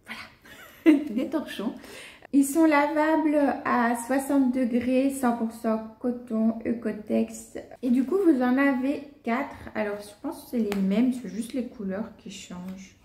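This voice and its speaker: A woman's voice: a little high, a little slow, darkish tone. A young woman with a Belgian French accent chatting casually through a product unboxing, full of hesitations and little apologies. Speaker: vlogger. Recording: echoey room, faint noise.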